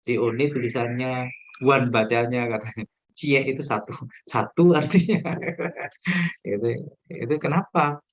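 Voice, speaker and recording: A man's voice: mid-range voice, measured pace, long pauses. A middle-aged man giving a casual online lecture over a video call, joking, laughing often and quizzing the class.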